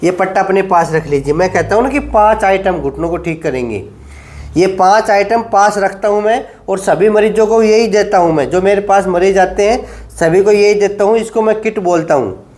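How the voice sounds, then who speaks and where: A middle-aged man teaching knee exercises as a yoga instructor, giving firm directions, repeating "ठीक है" and counting slowly through each hold. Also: high-pitched, darkish tone.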